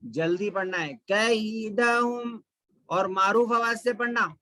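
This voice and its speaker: A man teaching tajweed, explaining each letter and sound in quick bursts, then chanting the verses slowly and melodically. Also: sits high, sharp tone, dry recording. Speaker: Quran recitation teacher. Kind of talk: tajweed lesson with slow chanted recitation.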